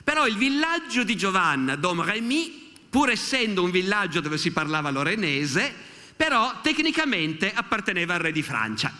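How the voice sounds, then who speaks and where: Older male lecturer with a bright, lively voice, storytelling at a podium, with the long echo of a hall. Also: high-pitched, normal speed. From Italy. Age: 60s. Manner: lively storyteller, quotes historical witnesses in animated asides. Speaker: history lecturer. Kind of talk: public history lecture.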